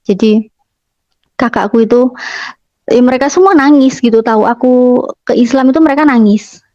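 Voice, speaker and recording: A woman's voice: on the high side, normal speed, a little mellow, no room sound. Chatty young woman telling her story. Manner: chatty, retelling family dialogue with fillers. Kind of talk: personal testimony storytelling. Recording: muffled dry recording.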